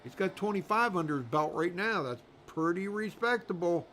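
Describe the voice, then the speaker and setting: A man's voice: high-pitched, lively intonation, normal speed, fairly bright tone, slight background noise. A man doing live race commentary in a rambling, folksy way, full of fillers. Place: commentary booth at a racetrack.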